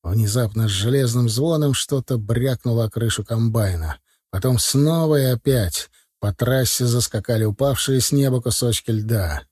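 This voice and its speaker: Husky, dark-toned male audiobook narrator. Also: medium pitch, normal speed, no echo, clean studio sound. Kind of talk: scripted first-person narration.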